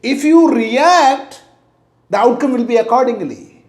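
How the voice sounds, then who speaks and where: A middle-aged man with an Indian English accent delivers a motivational talk in a very high, lively voice. He speaks slowly and deliberately and repeats his key points. The sound is echoey, as if in a bare room. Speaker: motivational teacher.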